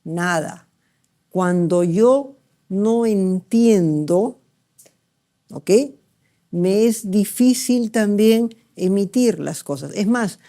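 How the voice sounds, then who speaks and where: A man's voice: high voice, mellow. A man giving a medical exam review lecture, explaining step by step and checking in with rhetorical questions. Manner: explanatory, asks rhetorical checks, acts out patients.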